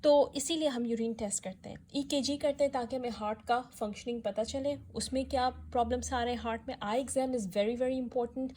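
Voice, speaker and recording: A woman physician giving a health education talk, explaining step by step with frequent pauses and fillers, mixing in English terms. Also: a little high, steady tone, a little mellow, a little hiss or hum.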